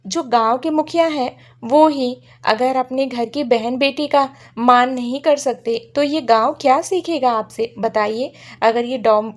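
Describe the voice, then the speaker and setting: A principled young man speaks firmly and directly, calm and sure of himself, as a woman narrator reads his part. The voice is fairly high for a man. It is part of a storybook reading. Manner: firm and direct.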